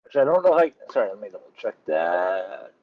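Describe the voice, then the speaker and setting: A man's voice: deep voice, sing-song, a little fast. A man playing a tabletop game, thinking aloud and checking the rules mid-sentence. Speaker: player. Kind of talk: casual tabletop game chat. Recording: slightly dull lo-fi sound.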